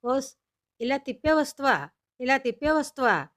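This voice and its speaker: Casting: a woman doing a sentimental, dramatic storybook father, high-pitched voice. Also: very animated, normal speed, fairly bright tone. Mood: wild shouting. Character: doting middle-aged father, nostalgic and dramatic.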